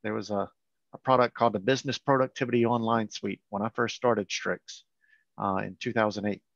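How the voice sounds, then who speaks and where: A man co-hosting a casual webinar over a video call, halting and repeating words as he explains. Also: on the low side, fairly even intonation, creaky, fairly bright tone, no room sound. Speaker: company founder and co-host. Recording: muffled video call audio.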